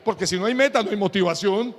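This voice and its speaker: High-voiced pastor preaching in an echoey hall. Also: male voice, fast talker. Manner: animated, telling humorous anecdotes. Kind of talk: sermon. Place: church in Panama.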